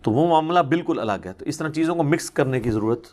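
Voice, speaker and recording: A man's voice: a little high, animated, a little mellow. A man answering religious questions in a conversational, explanatory way, patiently working through examples. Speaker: Islamic scholar answering questions.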